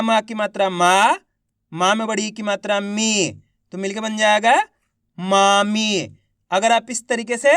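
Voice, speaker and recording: A man teaching children to read, sounding out each syllable slowly and then drawing out the whole word, while encouraging his viewers. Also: sits high, fairly bright tone, no echo, clean studio sound. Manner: encouraging, addresses viewers as friends. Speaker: Hindi reading teacher. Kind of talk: online reading lesson.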